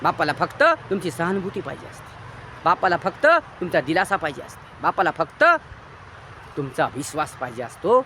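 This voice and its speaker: Fervent high-voiced Marathi man lecturing. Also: brisk, slight background noise. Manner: preachy, repetitive, swings between loud emphatic bursts and low quiet lines. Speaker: motivational speaker. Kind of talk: impassioned moral lecture.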